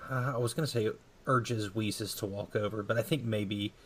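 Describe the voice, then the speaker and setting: A man playing a tabletop game, describing his character's actions in a halting way with many fillers. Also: lowish voice, fairly even intonation, a little hiss or hum. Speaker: player.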